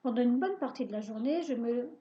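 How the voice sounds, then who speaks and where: A woman reading a children's story aloud in a lively, playful, suspenseful way, on a dull lo-fi recording. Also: on the high side, a little fast.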